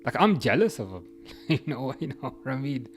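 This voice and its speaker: With soft music behind him, a young man hosts an easygoing football livestream in a brisk, mid-range voice. He reads chat messages and rambles, often breaking off to start again.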